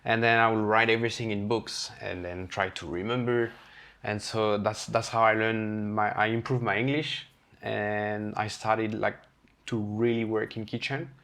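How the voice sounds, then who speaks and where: French-accented chef telling kitchen stories. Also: male voice, fairly low pitch, normal speed. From France. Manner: candid, animated, acts out quoted lines. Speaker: chef, podcast guest. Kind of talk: casual storytelling interview.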